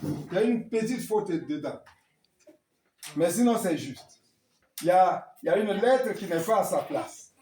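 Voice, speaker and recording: A man teaching a Hebrew class, quizzing students on words and gently correcting them. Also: sits high, lively intonation, a little slow, pauses often, reverberant, poor audio. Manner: questioning and correcting students, encouraging. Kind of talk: classroom lesson.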